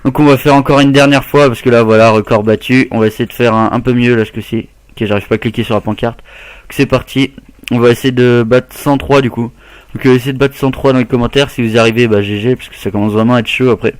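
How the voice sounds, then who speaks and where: A man's voice: medium pitch, steady tone, fast talker, clean tone, no room sound. A man casually commenting on his own gameplay as a gaming YouTuber, chatting and muttering to himself as he plays.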